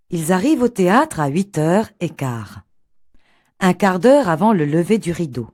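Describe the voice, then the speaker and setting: Female lesson narrator, lively pitch, slow scripted storytelling.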